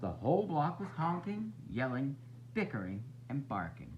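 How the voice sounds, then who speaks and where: A man reading a picture book aloud to young children in a teacherly, expressive way, drawing out phrases for effect. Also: medium pitch. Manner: expressive, drawn-out refrains and raised character voices. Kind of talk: animated storybook read-aloud for young children. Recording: muffled lo-fi recording with loud hum.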